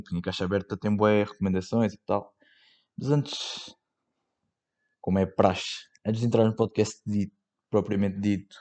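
A young man with a European Portuguese accent rambles through his solo podcast in loose slang, full of fillers and the odd swear word. His voice sits low and comes across dark and mellow. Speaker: podcast host. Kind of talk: casual solo podcast chat.

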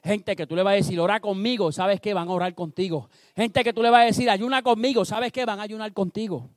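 A man preaching a sermon, telling a story with animated delivery and acting out the characters. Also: high-pitched, fairly quick, no echo, studio quality.

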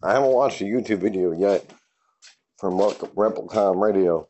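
A man with a fairly low, mellow voice rambles through a casual solo podcast from his garage. He trails off, swears offhandedly and fills gaps with ums. The recording is dull and lo-fi. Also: normal speed. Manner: rambling, laid-back, swears casually, many fillers. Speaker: podcast host. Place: home garage.

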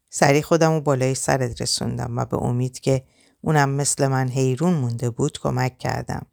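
Female audiobook narrator, low, gravelly, emotional first-person read. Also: darkish tone, no room sound, clean studio sound. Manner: dramatic, emotional reading. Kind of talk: first-person novel reading.

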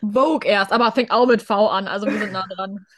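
A young woman with a medium-pitched voice co-hosts a podcast. She talks in a casual, fan-to-fan way and drops the odd English word into her German. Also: fairly even intonation, a little fast, no echo, clean studio sound. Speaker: podcast co-host.

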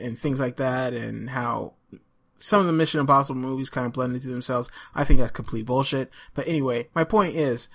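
A man's voice: mid-range voice, vocal fry, fairly bright tone. Host, male, mid voice, casual and rambling, lots of ums. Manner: rambling, hesitant, many fillers. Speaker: podcast host. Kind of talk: casual podcast chat.

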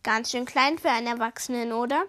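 A woman's voice: a little high, fairly quick, pushed and bright. A woman voicing a cheerful young boy detective who jokes around. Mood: playful. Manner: playful, joking.

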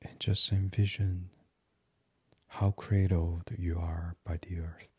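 A man's voice: low-pitched, little pitch movement, husky, dry recording. A man leading a guided meditation in a soothing voice that often drops to a whisper. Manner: slow, soft and soothing, drifting into whispers.

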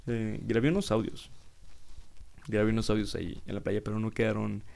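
A man in his twenties with a Mexican accent, hosting a casual solo podcast and telling stories in an animated, slangy way full of swearing. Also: lowish voice, moderate pace, vocal fry. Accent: Mexican Spanish. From Querétaro, Mexico. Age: 20s. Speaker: podcast host.

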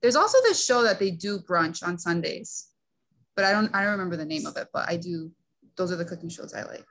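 A young woman from the Northeastern US, with an accent to match, guests on a podcast in a casual interview chat, giggling, talkative and saying "like" a lot. Her lowish voice is lively, a little fast and slightly bright, with some background noise.

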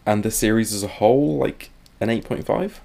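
Podcast co-host, man, very deep voice, rambling casual chat. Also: normal speed, creaky, mellow. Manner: rambling, trails off mid-thought. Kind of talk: casual comic book discussion.

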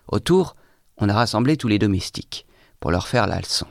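A man reading a classic novel aloud with measured, expressive narration. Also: on the low side, creaky, dry recording, clean studio sound. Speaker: reader.

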